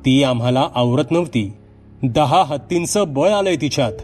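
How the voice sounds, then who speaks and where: A man's voice: medium pitch, lively intonation, normal speed, darkish tone, soft background music, natural voice. A man voicing a frightened, cowardly village doctor who stammers and explains in a panicky way. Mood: tense.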